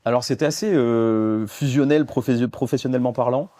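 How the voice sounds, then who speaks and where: A man's voice: mid-range voice, fairly quick, dark tone, no room sound, studio quality. A man in his thirties from France, a guest in a business interview, talking with many fillers and restarts. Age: 30s. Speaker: guest, fund development director.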